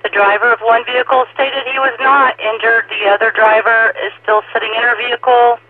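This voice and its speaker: A man working as a dispatcher over police radio, brisk and clipped in radio codes. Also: very high voice, flat delivery, over a noisy crowd. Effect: police radio transmission. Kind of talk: two-way radio traffic. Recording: tinny radio dispatch line.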